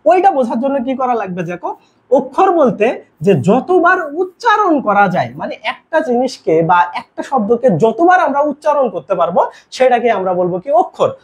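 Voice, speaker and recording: Lively teacher quizzing students. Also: high voice, a little fast. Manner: asks quiz questions and answers them; casual, mixes in English words. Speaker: grammar teacher. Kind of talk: live online class lecture.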